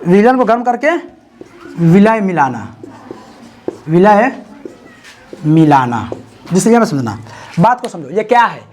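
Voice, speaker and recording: A man teaching a chemistry class, telling a joking story and asking his students over and over whether they understand. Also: very high voice. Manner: teasing, repeats checks for understanding. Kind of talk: classroom lecture.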